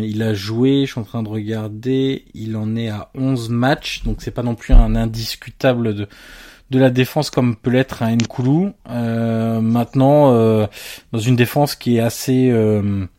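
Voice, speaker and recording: A man's voice: mid-range voice, mellow. A man co-hosting a casual football podcast, hesitant with many fillers and teasing his partner. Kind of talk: casual chat about Italian football.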